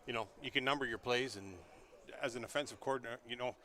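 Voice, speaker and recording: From a press booth at an outdoor stadium, a man gives live color commentary, loose and opinionated. His mid-range voice is bright and forceful, he talks fast, and his chatty delivery is packed with fillers.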